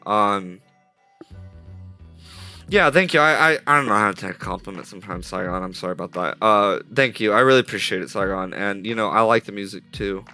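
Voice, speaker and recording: Speaking briskly at a fairly low pitch, this man livestreams himself building a game model, rambling in casual chat and correcting himself again and again. Soft jazz plays behind his slightly stuffy headset-mic voice.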